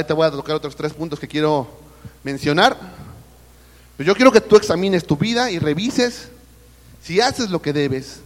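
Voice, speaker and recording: High-voiced Mexican preacher in a reverberant hall. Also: male voice. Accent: Mexican Spanish. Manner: addresses listeners as brother, asks the congregation questions. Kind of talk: sermon. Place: church service.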